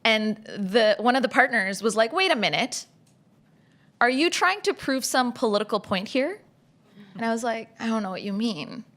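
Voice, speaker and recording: A young woman raised in Saudi Arabia, speaking as a founder on a stage panel into a table mic, animated and quoting others. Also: on the high side, normal speed. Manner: animated, gesturing, quotes others in lively voices. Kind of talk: panel discussion. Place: stage at a panel event, indoors. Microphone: table mic on a stand.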